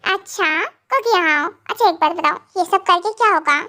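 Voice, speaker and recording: A woman's voice: extremely high pitch, moderate pace, sharp tone. A woman voicing a stern, protective young husband who lectures his wife, in a fan audio drama.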